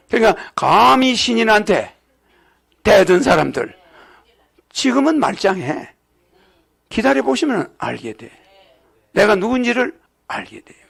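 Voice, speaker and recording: Gravelly high-pitched older man lecturing. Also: a bit bright. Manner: repetitive, asks the audience "right or not?"; chuckles while lecturing. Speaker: religious leader lecturing followers. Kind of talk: rambling sermon-lecture to an audience.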